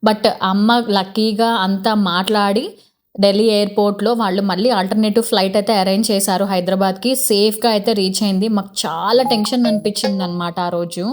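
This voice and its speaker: A woman in her thirties narrates a family vlog with a Telugu accent. Her tone is soft and emotional, and she explains each step patiently. Her voice sits at a medium height. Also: medium pitch. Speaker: vlogger.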